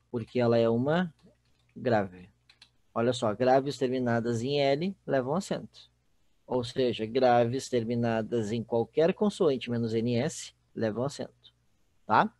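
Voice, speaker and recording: A man's voice: medium pitch, darkish tone, no room sound. Brazilian portuguese guy teaching online, keeps checking in w the class, dry no-room sound. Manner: explanatory, often checks in with the class. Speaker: Spanish teacher. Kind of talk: recorded online class lecture.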